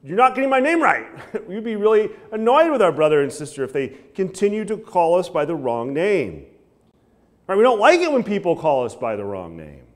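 Animated young pastor preaching from a pulpit. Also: male voice, high-pitched, brisk. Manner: animated preaching with frequent "right?" asides and hand gestures. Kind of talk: sermon. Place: church sanctuary, preaching at a wooden pulpit.

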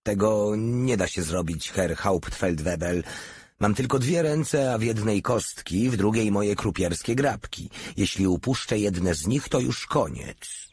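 A man's voice: fairly low pitch, lively intonation, measured pace, a little mellow, slightly rough, no room sound, clean studio sound. A man voicing a sly mocking soldier. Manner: icy, mocking. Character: sly, mocking soldier-gambler, coolly insolent.

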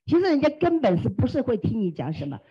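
Woman team leader, motivational testimony, husky and animated, dull lo-fi recording. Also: fairly high pitch, fast talker. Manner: animated, exclamatory, acts out quoted dialogue. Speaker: team leader sharing experience. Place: classroom.

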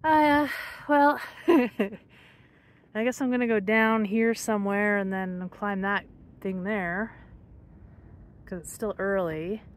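Speaking slowly and steadily with long pauses, a middle-aged woman with a mid-range voice talks casually and reflectively to her phone during a hiking vlog. She holds it at arm's length on hillside forest trails, and the outdoor phone audio includes background noise.

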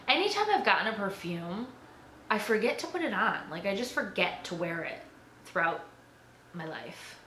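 Bright chatty young woman. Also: mid-range voice. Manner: chatty, filler-heavy with frequent "like" and "um". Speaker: YouTuber. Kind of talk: casual tag video chat. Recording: echoey room with faint background noise.

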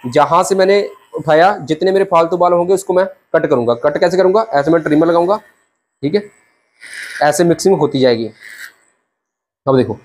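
Speaking a little fast in a slightly high voice, with long pauses, a young barber teaches a haircut step by step to camera in his small shop. He's chatty and brotherly, keeps saying "theek hai", and is miked with a clip-on lapel mic.

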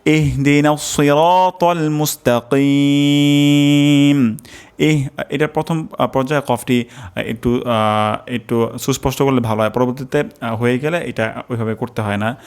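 A man teaching correct recitation of verses, repeating each word slowly and patiently for learners. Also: medium pitch. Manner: patient, repeats words slowly and drills pronunciation. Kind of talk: instructional lesson with chanted recitation.

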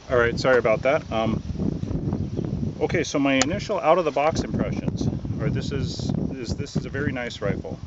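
A man giving a casual, relaxed product review outdoors, hesitant and full of ums and uhs. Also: medium pitch, normal speed, pauses often, highs cut off, very noisy. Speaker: gun reviewer.

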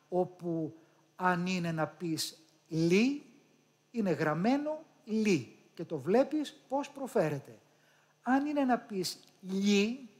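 A Greek man with a Patras accent speaks to a live audience in a room, coaching them on public speaking. He is animated and addresses the listeners directly. He sounds out pronunciations aloud as he teaches. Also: high-pitched. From Greece.

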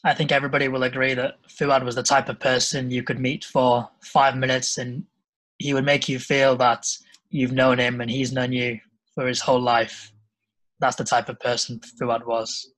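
Young adult male memorial host, mid pitch, little inflection, solemn and composed. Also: fairly bright tone, rough recording. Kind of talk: introducing speakers. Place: indoor room with shelves. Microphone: video call, computer microphone.

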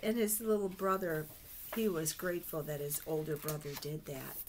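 Recorded roughly on a desk-distance webcam in a small indoor office, with slight background noise, a middle-aged woman tells Bible stories to children. She reads picture books in a deep, steady voice at a moderate pace, using simple phrasing, chatty asides and gentle questions.

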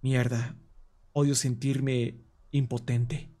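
Unhurried man streaming a game. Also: mid-range voice. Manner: relaxed, thinking aloud. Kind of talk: live gameplay commentary.

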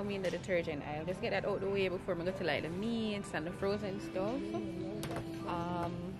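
A young woman, chatting casually as she vlogs a grocery run, filmed on a handheld camera at arm's length. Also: mid-range voice. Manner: chatty, loose grammar, thinks aloud. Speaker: vlogger. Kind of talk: casual vlog narration while shopping. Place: supermarket aisles, later a home kitchen. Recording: loud store music behind the voice. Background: store music.

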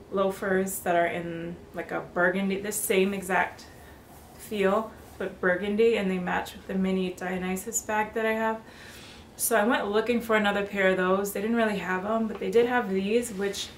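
A chatty, bubbly woman with a mid-range voice laughs often as she casually talks through a fashion haul for her vlog. She's indoors in a bedroom or apartment, recorded by a camera on a tripod at mid-distance. The sound is roomy, echoey and noisy.

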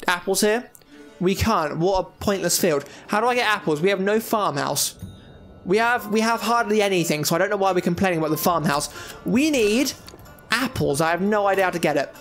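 A young man with a high, bright-sounding pitch chats through a game as he plays it, thinking aloud and tossing out jokey asides. Faint game music sits quietly behind his voice. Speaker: gaming YouTuber. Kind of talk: casual let's-play commentary.

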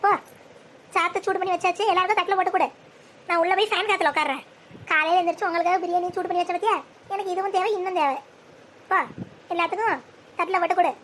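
Bossy old granny, voiced by a performer, very high and very fast, scolding; faint noise behind. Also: steady tone. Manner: rapid, scolding, sharp-tongued. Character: bossy old grandmother, mother-in-law.

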